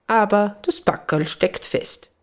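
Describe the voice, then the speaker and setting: A woman reading a children's story aloud as host, with a gentle, clear, animated delivery. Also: mid-range voice, takes it slowly.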